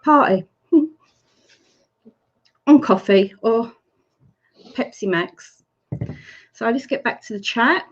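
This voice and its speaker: A woman's voice: a little high, expressive, extremely slow, long pauses, slightly rough. Chatty Essex woman on a livestream. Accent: Essex English. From Essex, England. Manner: chatty, greets viewers by name, laughs often. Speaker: livestream host. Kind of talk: casual livestream chat. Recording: slightly muffled lo-fi stream audio.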